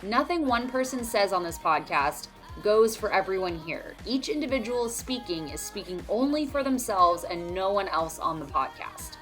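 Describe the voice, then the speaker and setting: Bright woman reading a disclaimer. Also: medium pitch, lively intonation, soft background music. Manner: measured, read aloud.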